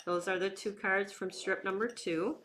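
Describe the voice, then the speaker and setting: A woman's voice: mid-range voice, steady tone, fairly bright tone, slight background noise. A woman giving a casual, step-by-step craft demonstration in an informal way, talking as she works with her hands. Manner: informal, unhurried, talking while working with hands. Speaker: craft instructor and bingo night host.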